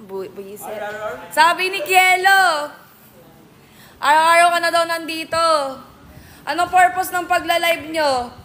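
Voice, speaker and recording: A woman's voice: extremely high pitch, fairly even intonation, unhurried, pauses often, pushed and bright. A woman hosting a casual live stream, answering viewer comments with playful, teasing comebacks. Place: billiards venue.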